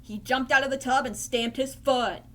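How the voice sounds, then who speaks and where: A woman reading a children's storybook aloud in a slow, clear storytelling manner. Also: high-pitched, steady tone, sharp tone. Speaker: storybook reader.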